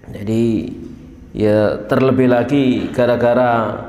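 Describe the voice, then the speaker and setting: Preacher in an echoey hall. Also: male voice, mid-range voice, fairly even intonation, slow, dark tone. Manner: chatty, often tags sentences with "ya". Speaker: religious teacher. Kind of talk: conversational mosque study talk. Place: mosque hall. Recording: echoey mosque hall, faint noise.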